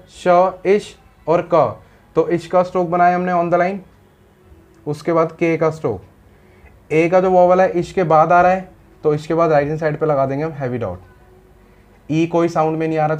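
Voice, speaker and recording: A man with a voice a bit above the usual pitch teaches shorthand outlines to his students. He goes through each word step by step and keeps stopping to check that they have understood. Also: darkish tone. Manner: explains patiently, often asks "samajh aaya?". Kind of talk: step-by-step lesson.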